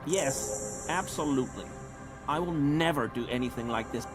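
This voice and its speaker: A man's voice: mid-range voice, normal speed, natural voice. An actor playing a nervous, ashamed male assistant in a video game, speaking apologetically. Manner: apologetic, sheepish. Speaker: game character. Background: game music.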